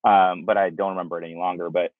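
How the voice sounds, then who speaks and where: Talking rapid-fire in a low-pitched, level tone, this Russian-born founder in his forties appears as a guest on a video call from an outdoor patio. The recording through his wireless earbuds is dry and thin, much like a phone. He rambles through the interview questions, restarting a lot and filling gaps with fillers.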